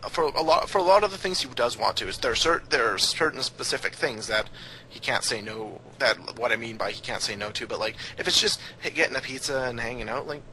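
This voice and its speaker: A young man chatting over a voice call. He talks eagerly and keeps restarting his sentences. His voice sounds bright and forward, with faint noise behind it. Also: mid-range voice, fast talker. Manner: excitable, stumbling restarts and apologies. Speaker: podcast guest. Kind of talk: casual chat over a voice call. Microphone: video call.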